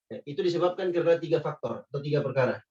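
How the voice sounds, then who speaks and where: A man's voice: a little high, very fast, darkish tone. Man teaching grammar, distant lo-fi. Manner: patient, repetitive explaining with frequent "ya" checks. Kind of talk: classroom grammar lesson. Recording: muffled lo-fi sound from a distance.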